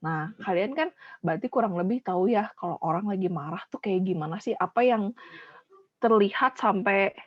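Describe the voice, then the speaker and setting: A woman's voice: mid-range voice, normal speed. A woman school counselor leading a class discussion, encouraging pupils and repeating their answers back. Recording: dull lo-fi audio.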